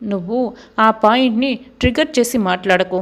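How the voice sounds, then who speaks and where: A woman's voice: fairly high pitch, brisk, natural voice. A woman voicing a firm, protective young woman who speaks sternly, as dialogue in a serial recap. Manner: stern, warning.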